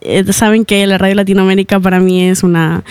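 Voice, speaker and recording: A young singer from Ecuador chats as a radio guest, her voice smooth and resonant. The sound is close and dry, as in a small studio booth. She talks easily, with light laughs and many hesitation fillers. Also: mid-range voice, fairly even intonation, brisk, darkish tone, no room sound. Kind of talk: radio interview.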